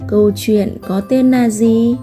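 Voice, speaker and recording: A preschool teacher, narrating a storybook tale for children slowly and carefully. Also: female voice, on the high side, fairly even intonation. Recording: long hall reverb, soft music behind.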